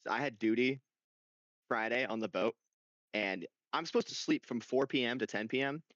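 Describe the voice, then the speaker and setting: A young man in casual podcast chat, telling a game story with excitement and frequent swearing. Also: medium pitch, normal speed, no echo. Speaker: podcast co-host. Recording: dull lo-fi dry sound.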